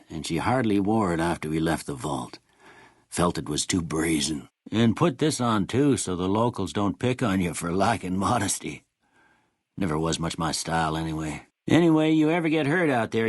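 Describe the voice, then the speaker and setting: An older male actor voicing a kindly, wry small-town doctor in a video game, with a folksy American rural Western drawl and a raspy voice. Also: lowish voice, no echo, clean studio sound. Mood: gentle, wry. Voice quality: raspy, gravelly. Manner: folksy, unhurried, plainspoken. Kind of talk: video game character dialogue.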